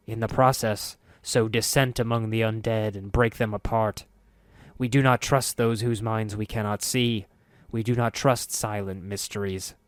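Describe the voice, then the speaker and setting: A man voicing a cold, unapologetic rat hive mind that speaks with a measured, commanding tone. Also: fairly low pitch, smooth, no echo, close to an everyday voice.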